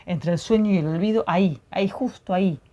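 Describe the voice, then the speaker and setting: A woman, co-hosting a poetry program, reading poems aloud and discussing them in a measured, reflective way. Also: lowish voice, warm tone, highs cut off. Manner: reflective, measured, frequent tag questions.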